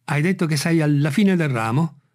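A man voicing an excitable, feverish gentleman who gives urgent orders, in an audiobook reading. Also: on the high side, normal speed, lightly acted. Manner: agitated, urgent.

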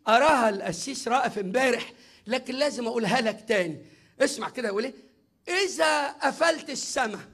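Middle-aged Egyptian preacher, very high and bright voice, emphatic and often shouting at the congregation. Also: male voice. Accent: Egyptian Arabic. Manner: emphatic, often shouting, addressing viewers directly. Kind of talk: sermon.

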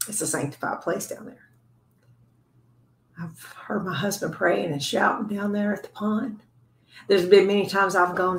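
A woman giving a devotional Bible teaching to other women, earnest and conversational, sometimes dropping to a soft whisper. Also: fairly low pitch, echoey room, slight background noise.

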